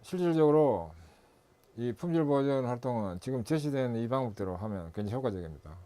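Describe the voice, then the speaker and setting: A man's voice: mid-range voice, animated, fairly quick, dark tone. A middle-aged man lecturing as an instructor and consultant, listing steps methodically and correcting himself as he goes.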